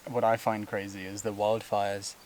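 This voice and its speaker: A man with a fairly low voice vlogs on a steep hillside trail, out of breath from the climb. He rambles in a loose, casual way, full of fillers and quick laughs. A faint buzz of insects hangs behind him. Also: level tone, a little mellow, a little hiss or hum. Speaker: vlogger. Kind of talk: casual talk to camera while hiking. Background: buzzing insects.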